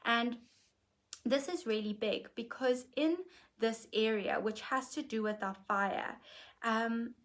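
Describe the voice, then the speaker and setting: A woman hosting a live stream, teaching in a gentle, earnest way and often pausing with "okay". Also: medium pitch. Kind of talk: reflective teaching talk.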